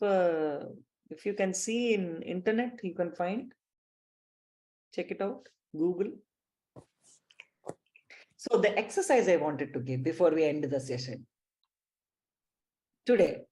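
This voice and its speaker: Slow, emphatic Indian-accented woman teacher. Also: medium pitch, dark tone. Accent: Indian English. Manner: slow, emphatic, teacherly, addresses listeners directly. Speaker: spiritual teacher. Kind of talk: live online spiritual class.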